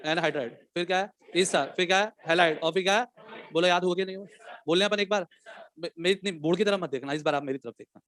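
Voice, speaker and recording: A man teaching a chemistry class, quizzing the students and dictating questions slowly. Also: high voice, a bit bright, no echo. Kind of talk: classroom lecture.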